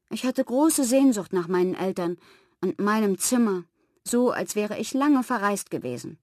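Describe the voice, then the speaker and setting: A woman narrating a first-person children's story in a calm, clear storytelling voice with lively emphasis. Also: mid-range voice, no room sound, studio quality. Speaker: audiobook narrator.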